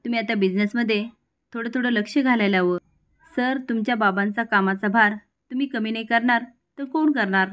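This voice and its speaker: A woman voicing a gentle young wife who politely persuades her husband in a storybook retelling. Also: on the high side, a little fast, clear, resonant tone, close to an everyday voice. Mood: persuasive.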